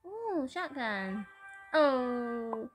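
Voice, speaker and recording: A woman giving excitable gameplay commentary, exclaiming and giggling as she plays. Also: on the high side, extremely slow, soft background music. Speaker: gamer.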